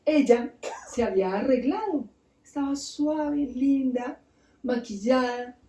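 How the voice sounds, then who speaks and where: Woman author, lively storyteller at a bookstore talk, distant roomy recording. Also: sits high, takes it slowly. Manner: animated, acts out voices, asks the audience. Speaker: author giving a book talk. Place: bookstore event space.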